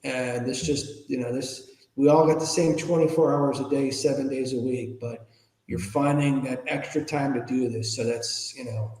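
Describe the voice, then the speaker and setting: A man aged fifty or older, a podcast guest who is an ethics speaker and author, talks casually in an interview, plainspoken, informal and a bit rambling. His mid-range voice has a darkish tone, fairly even intonation and normal speed, in an echoey, reverberant room.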